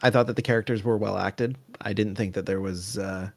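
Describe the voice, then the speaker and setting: A man on a live game review panel, talking in an unhurried, casual way. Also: lowish voice, fairly even intonation, vocal fry, a little mellow.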